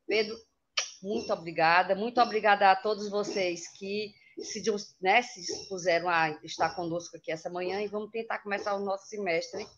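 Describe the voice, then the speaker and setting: A woman's voice: medium pitch, steady tone, moderate pace. A woman introducing a guest speaker on a video call, gushing with praise. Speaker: course coordinator introducing speaker. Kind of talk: warm introduction. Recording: dull lo-fi video call audio.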